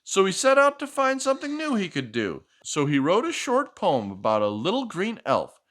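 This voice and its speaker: His pitch is high and swings hugely, the pace is moderate, and the tone is a bit bright. As host of a children's storytime, he reads a picture book with flair, chatting playfully with a child, asking things and echoing the answers.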